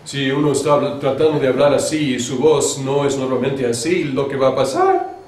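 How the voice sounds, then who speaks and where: A man from Mexico teaching a seminary class on preaching, talking conversationally and showing pitch and pace changes with his own voice. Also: sing-song, moderate pace, darkish tone. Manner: conversational, with fillers and restarts. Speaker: homiletics teacher. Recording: echoey lecture room with faint background noise.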